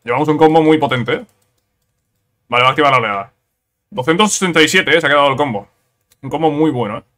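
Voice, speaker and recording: Bright-voiced gaming commentator man. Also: a little high, fast. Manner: excitable, repeats words in bursts, tag questions. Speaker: gameplay commentator. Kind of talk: casual let's-play commentary.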